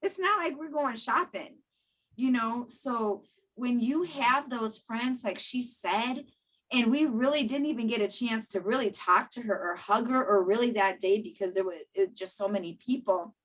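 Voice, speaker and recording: A woman in her thirties talks earnestly on a podcast, circling back on her phrases to drive a point home. Her voice sits fairly high and sounds bright. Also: normal speed, rough recording. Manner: earnest, repeats phrases for emphasis. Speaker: podcast co-host. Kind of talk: casual chat.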